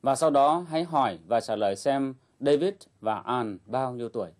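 A man hosting a language lesson, calmly explaining and prompting learners to repeat. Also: mid-range voice, moderate pace. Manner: calm explanatory guiding tone. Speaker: English teacher host. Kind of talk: instructional narration.

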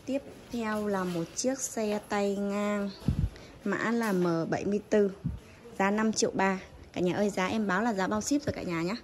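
Woman doing a casual sales pitch on her phone, polite seller talk, medium pitch, clear background noise. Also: normal speed. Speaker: bicycle seller. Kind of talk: casual sales pitch walkthrough, listing codes and prices. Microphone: phone held while filming. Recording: noisy handheld phone recording.

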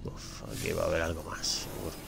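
A man doing live gameplay commentary, excitable, swearing often and repeating himself. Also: sits low, fairly quick, vocal fry. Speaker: gaming host. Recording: loud game music behind.

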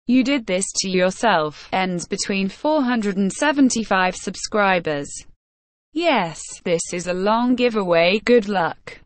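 A woman's text-to-speech voice reading a scripted giveaway announcement as a gaming channel host, flat and synthetic. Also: mid-range voice, measured pace, no room sound.

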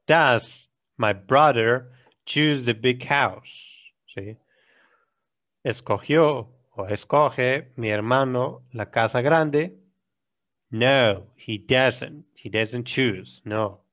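A man with an Ecuadorian Spanish accent teaching an English grammar lesson, explaining in Spanish, reading examples slowly and often checking "¿sí?". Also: medium pitch, fairly bright tone. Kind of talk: recorded classroom lesson. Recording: dull lo-fi recording.

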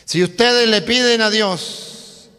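A male priest with a high, bright voice preaches to young people at an unhurried pace. He is emphatic and repeats himself, speaking straight to the crowd. His voice rings with the long reverb of a large hall. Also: smooth. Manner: emphatic and repetitive, addresses the crowd directly. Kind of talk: lively sermon.

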